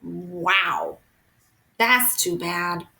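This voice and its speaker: A woman voicing a homesick, excitable young boy in a read-aloud storybook. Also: fairly low pitch, drawn-out words, gravelly, heavily acted. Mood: eager.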